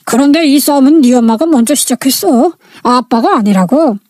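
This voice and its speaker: A woman voicing a ruthless middle-aged businessman husband, speaking low and defensively in a storybook reading. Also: expressive, moderate pace, darkish tone, dry recording, studio quality.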